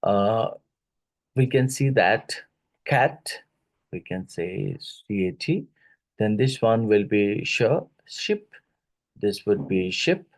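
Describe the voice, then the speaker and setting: Male teacher, Indian English accent, low voice, unhurried worksheet walkthrough with frequent tag questions. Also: animated. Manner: explanatory, checks in with tag questions. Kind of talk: exam-prep lecture walking through worksheets.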